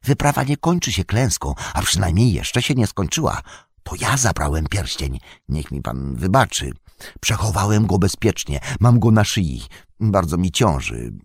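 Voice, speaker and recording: A man's voice: sits low, big pitch swings, normal speed, breathy edge, no room sound, studio quality, pitched above the performer's own voice, heavily acted. A man voicing a loyal, sturdy male hobbit servant who speaks in a hearty, folksy, deferential way. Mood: earnest.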